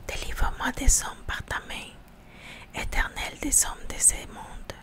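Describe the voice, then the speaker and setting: Casting: female ASMR reader, hushed library whisper, unhurried and slightly halting scripture reading. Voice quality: hushed library-style whisper, mostly unvoiced. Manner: slow, halting reading with repeated words.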